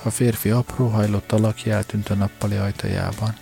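A man narrating a story in a measured, steady audiobook reading. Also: lowish voice, creaky, faint music behind. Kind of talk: scripted narration.

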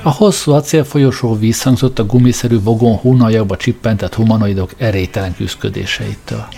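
A man narrating an audiobook in a measured storytelling manner, with soft music behind. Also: fairly low pitch, fairly even intonation, vocal fry. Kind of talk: scripted narration.

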